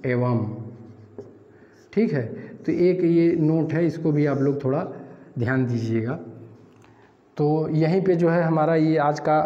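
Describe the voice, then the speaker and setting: A man's voice: on the high side, warm tone. Guy teaching a grammar lesson, repeats stuff, quizzes you, kinda muffled and echoey. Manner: explains step by step, repeats words and asks the class questions. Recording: dull, echoey, roomy sound.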